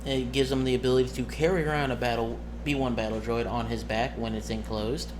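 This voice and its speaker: A man running a tabletop game as game master explains the scene casually, in a halting style full of self-corrections. His voice is steady in tone and average in pitch, and clear noise runs over the recording.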